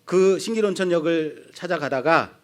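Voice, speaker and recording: Lively high-voiced Korean pastor preaching. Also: male voice, moderate pace. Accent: Seoul Korean. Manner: animated, acts out quoted voices of people; asks the congregation questions and answers them. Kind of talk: expository sermon.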